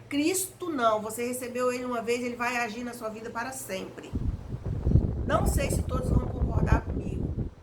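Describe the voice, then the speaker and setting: Higher-pitched Brazilian woman, earnest devotional talk. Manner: earnest, exhorting, emphatic. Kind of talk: informal devotional reflection, preaching to camera. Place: at home, indoors. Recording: noisy home recording with fan hum. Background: electric fan noise.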